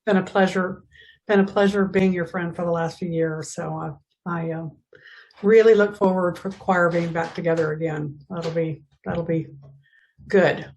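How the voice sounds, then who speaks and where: A woman's voice: lowish voice, fairly even intonation, moderate pace, darkish tone, poor audio. A woman interviewing a fellow church member, asking friendly, encouraging questions. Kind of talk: casual interview.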